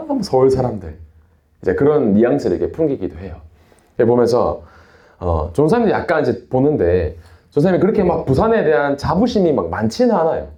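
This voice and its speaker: A young man with a Busan Gyeongsang accent gives a sermon to teenagers, his mellow voice rising and falling freely as he tells stories. The sound carries a roomy echo from a church hall. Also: medium pitch. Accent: Busan Gyeongsang dialect. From Busan, South Korea. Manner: chatty storytelling, refers to himself in third person. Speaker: youth pastor. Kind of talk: sermon to a youth group.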